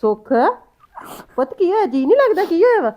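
An actress in a family drama plays a fussing yet caring middle-aged mother-in-law, coaxing, prying and scolding by turns. Her voice is very high-pitched, very animated and brisk, captured with lo-fi sound.

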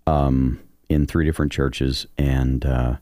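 A middle-aged man with a very low, deep voice tells his own story in an earnest, confessional way. He keeps a few light, self-deprecating touches, and his studio microphone sounds close and dry. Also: flat delivery, takes it slowly, mellow, no echo. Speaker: co-host sharing his story. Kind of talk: candid radio talk-show testimony.

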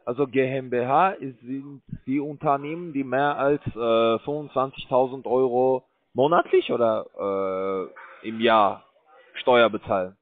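Speaking a little slowly, a male scam call center agent pushes a sales pitch on a cold call. He stumbles through broken grammar and hesitant fillers, heard over a tinny phone line without echo.

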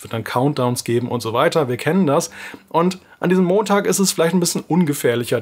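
This husky, mid-range male voice belongs to a man in his forties who hosts a casual tech vlog from his home office, with a desk and monitor around him. He chats and thinks aloud, using fillers, while the camera frames him close at head-and-shoulders.

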